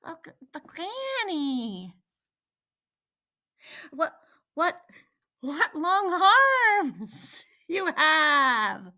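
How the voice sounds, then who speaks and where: A woman's voice: sits high, big pitch swings, very slow, long pauses, pushed and bright, full character voice. A woman voicing an innocent, anxious little granddaughter in a storybook, hesitant and wondering, stretching out words. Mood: uneasy wonder.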